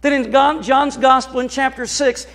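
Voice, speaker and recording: A middle-aged American man preaches from the stage of a church sanctuary, his voice sitting unusually high for a man. He moves and gestures as he talks, and at times drops to a quiet, confiding tone with the congregation. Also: fairly even intonation, normal speed. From United States. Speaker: pastor. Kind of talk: sermon.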